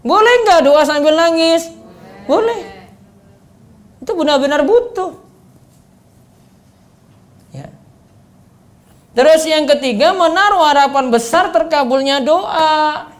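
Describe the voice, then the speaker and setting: Speaking slowly with long pauses, a man with a very high voice delivers an animated religious study lecture as an Islamic preacher, testing his audience with questions and performing sample prayers.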